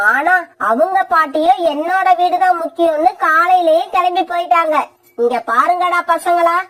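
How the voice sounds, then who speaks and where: A high-voiced cartoon mother bird with a sharp, sarcastic tongue, as a woman acts her out. She scolds and threatens in quick, biting phrases.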